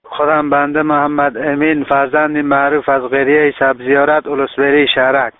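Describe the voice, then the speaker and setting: Afghan man on a tinny phone line on the radio, flat kinda monotone, stumbles over words. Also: on the high side, dry recording. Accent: Afghan Dari. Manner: halting, repeats words, then rushes through numbers. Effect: heard over a phone line on the radio. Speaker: caller leaving a missing-person message. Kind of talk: recorded phone message to a radio show.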